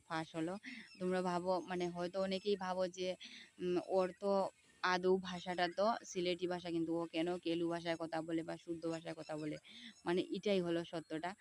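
Chatty woman with a Sylheti accent. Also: fairly low pitch. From Tripura, India. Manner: chatty, repeats herself while explaining. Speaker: vlogger. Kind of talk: casual talk to viewers. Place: outdoors by a pond.

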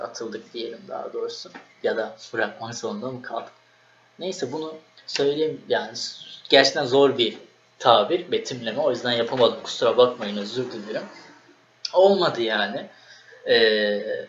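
A young man vlogging, telling a story in a casual, animated way and acting out what he said. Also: mid-range voice. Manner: animated, acts out his own quoted lines. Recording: echoey room, dull lo-fi sound, faint noise.

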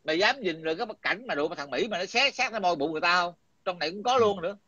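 Very fast and animated, this middle-aged man's high-pitched voice comes out pushed and bright, with no echo, over a dull, dry lo-fi recording. He is arguing casually in a heated, coarse, combative manner and keeps repeating himself.

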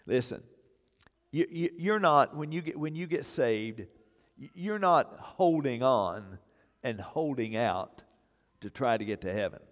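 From an indoor church stage, an older man preaches a sermon as pastor, unhurried, in a mid-range voice with lively intonation. He leans on repeated phrases to press his points, speaking into a wireless mic amid the long reverb of the hall.

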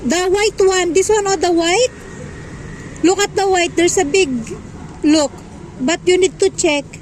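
A woman talks her way through a family outing at a market, narrating for her viewers in an unhurried way. Her voice sits high and light, and a loud wash of outdoor noise runs under everything she says. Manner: chatty, narrates while shopping, talks to her child. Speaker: vlogger. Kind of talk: casual family vlog chat.

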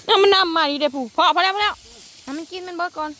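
Isan woman, middle-aged, high voice, brisk calling out while working outdoors on the farm. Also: sharp tone, a little hiss or hum. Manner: calls out and scolds in quick bursts. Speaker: vlogger. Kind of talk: casual outdoor chat while feeding cattle. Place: rural field by water, outdoors.

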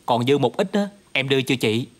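An actor playing a caring, practical younger brother who speaks earnestly, with a Southern Vietnamese accent. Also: male voice, medium pitch, expressive, brisk, lightly acted. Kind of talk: TV drama acting.

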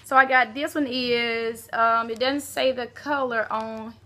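A woman's voice: a little high, fairly even intonation, unhurried, sharp tone. A woman from Alabama, gushing as she unboxes a mail swap package and talks to her viewers. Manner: gushing, exclaims often, talks to viewers as y'all. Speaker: beauty vlogger.

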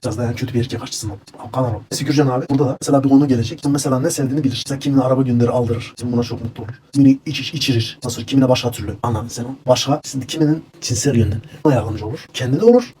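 A man's voice: medium pitch, rapid-fire, hardly any pauses, mellow, slight background noise. A man telling a rambling, conspiratorial comedic rant. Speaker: comedic ranting storyteller.

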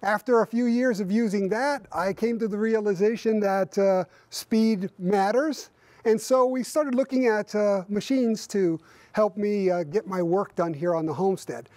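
Outdoors by a barn in winter, a man in his fifties reviews his tractor to camera, explaining casually with lots of fillers and restarts. His voice is high and a little mellow at a normal speed, and the recording is dry.

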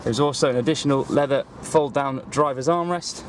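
A man's voice: medium pitch, fairly quick, a little hiss or hum. A man with a Welsh accent, presenting a car in a scripted walkaround on an outdoor dealership forecourt. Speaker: car salesman presenting a vehicle.

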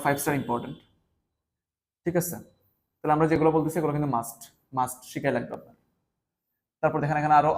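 A Bangladeshi exam tutor runs a prep lesson at a quick clip, speaking directly to his students and emphatically hammering home key points through repetition. His voice is a little higher than most men's, with a darkish tone.

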